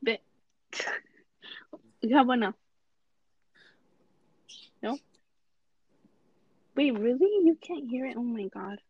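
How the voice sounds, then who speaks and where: A woman's voice: high-pitched, expressive, slow pace, pauses often, slightly rough, no room sound, lo-fi sound. A woman hosting a casual chat, flustered, often stopping to say "hold on" and "oh my god". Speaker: host.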